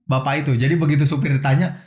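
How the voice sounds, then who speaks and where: A man's voice: medium pitch, steady tone, very fast, darkish tone. Man, earnest testimony, interview guest, respectful, echoey room. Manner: earnest, addresses host as Pak often. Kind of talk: emotional personal testimony. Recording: roomy echo.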